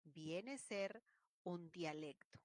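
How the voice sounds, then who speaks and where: A woman's voice: lowish voice, slow, no echo. A woman teaching an online language lesson, explaining points and acting out regional ways of speaking. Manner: explanatory, acts out regional speech examples.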